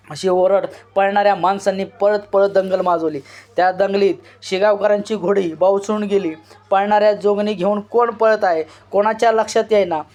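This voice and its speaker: A man reading a novel aloud as an expressive storyteller, drawing out shouted cries. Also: high voice. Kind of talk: dramatic literary reading. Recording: dull lo-fi recording.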